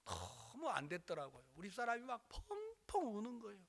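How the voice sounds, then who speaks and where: A man's voice: sits high, huge pitch swings, normal speed, gravelly, a bit bright. A male pastor preaching a sermon, telling a story dramatically and acting out the voices.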